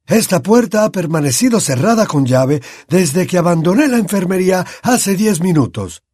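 Dumbledore, a man doing a calm old headmaster. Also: high voice, slightly rough, no room sound, studio quality, pitched above the performer's own voice. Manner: calm, measured, gently firm.

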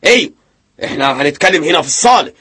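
A man's voice: a little high, expressive, slightly rough, full character voice. An actor playing a boastful, bossy rustic husband in a radio comedy, with an Egyptian Arabic accent, blustering and scolding his wife. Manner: blustering and scolding, quick to shout. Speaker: lead comic actor.

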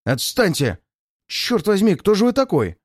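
A man doing an arrogant, hot-tempered gentleman. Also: high-pitched, wildly swooping pitch, a little slow, no echo, clean studio sound, pitched above the performer's own voice, heavily acted. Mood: angry. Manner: haughty, snapping, indignant.

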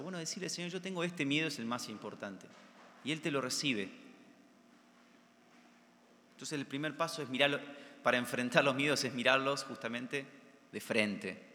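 Deacon, earnest conversational homily, bright voice, church echo. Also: male voice, mid-range voice, slight background noise. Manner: earnest, conversational preaching with quoted prayers. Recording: long church reverb.

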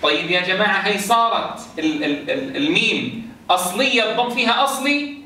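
High, bright-voiced man teaching in an echoey room. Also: lively intonation, fairly quick. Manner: quizzes students, chants verse examples. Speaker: Quran teacher. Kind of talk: recitation rules lesson to a class. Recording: roomy echo, distant mic.

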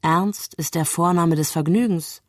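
A woman's voice: on the low side, unhurried, no room sound, lightly acted. A woman voicing a teasing young man, a wisecracking brother with mock-dramatic jokes, read in a dry studio. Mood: joking. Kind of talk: literary reading.

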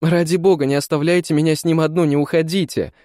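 A man's voice: on the high side, fairly even intonation, fast talker, dark tone, dry recording, studio quality, voice pushed up, lightly acted. A man voicing a frightened young woman who cries out and pleads urgently, in a read-aloud story. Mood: frantic pleading.

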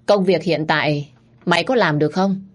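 A woman's voice: lowish voice, moderate pace, natural voice. A woman voicing a harsh older mistress of a rich household, speaking curtly and with scorn. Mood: stern. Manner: curt, scornful, bossy.

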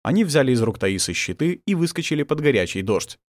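A man reads an audiobook with dramatic expression and a lively, varied pitch. The sound is dry and close, with no room around it. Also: fast talker, no room sound. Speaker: audiobook narrator. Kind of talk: scripted narration.

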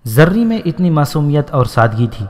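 A man narrating a novel in a steady, measured reading style. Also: on the high side. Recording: long hall reverb.

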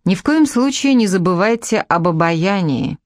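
A woman's voice: on the low side, lively intonation, moderate pace, dry recording, clean studio sound, close to an everyday voice. Woman reading a teasing, charming prince. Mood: drawling. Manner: drawling and playfully ironic. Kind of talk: audiobook character reading.

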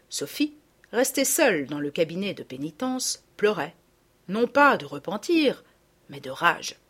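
Woman narrator, storybook reading, expressive and dramatic, animated pitch. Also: slightly rough.

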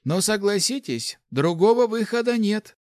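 A man's voice: high voice, animated, unhurried, darkish tone, no echo, clean studio sound, voice pushed up. A man voicing a young male mage who sighs and talks wryly. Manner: sighing, wry.

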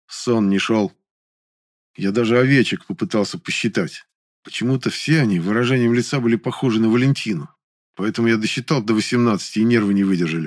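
A man narrating a first-person audiobook in an even, weary, matter-of-fact way. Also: fairly low pitch, no echo, clean studio sound.

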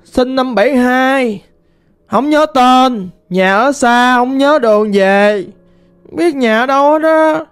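A woman voicing the vengeful ghost of a murdered teenage girl, pleading slowly in a Southern Vietnamese accent. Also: sits high, clean tone, soft background music. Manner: pleading, slow and plaintive.

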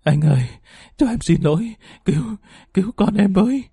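A man voicing a beaten woman begging desperately for her child, pitched up. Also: animated, normal speed, creaky, dark tone, slightly rough, dry recording, studio quality, exaggerated voice. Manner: pleading, desperate.

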